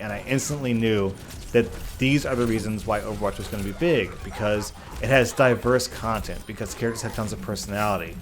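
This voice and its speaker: With a voice on the low side and a little hiss or hum, this man reads and answers viewer questions in a casual gaming Q&A vlog. He's a YouTube gaming content creator who speaks earnestly, hammering points home with repeated, emphatic phrases.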